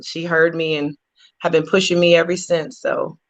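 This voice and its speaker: A woman's voice: sits low, flat delivery, normal speed, low-quality recording. A woman from Georgia, a singer answering interview questions casually and playfully, laughing often. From United States, Georgia. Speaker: guest singer.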